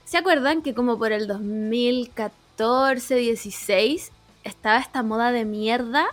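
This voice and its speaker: A young woman with a Chilean accent, chatting casually as a podcast co-host, full of swearing and animated storytelling. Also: a little high, a little slow, soft background music. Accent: Chilean Spanish. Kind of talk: casual chat.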